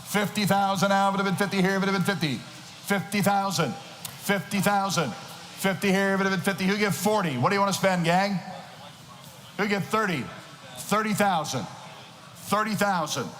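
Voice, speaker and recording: A man's voice: high-pitched, normal speed, pauses often, a bit bright. A man working as an auctioneer, calling bids in an insistent, rhythmic chant of repeated numbers and filler phrases. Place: large auction hall. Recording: echoing hall PA with noisy ambience.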